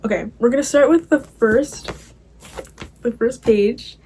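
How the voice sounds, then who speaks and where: A teenage girl with a fairly high voice reads from her old diary, embarrassed and giggly, breaking off for casual asides. There is some noise behind her. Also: a little slow, mellow. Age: teens. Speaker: vlogger.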